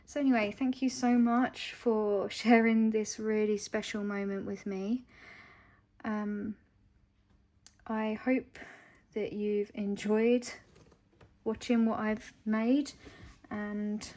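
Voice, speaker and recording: A young woman from England talking to camera in a casual vlog, hesitant and heartfelt, with many pauses and ums. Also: mid-range voice, little pitch movement, warm tone. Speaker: vlogger.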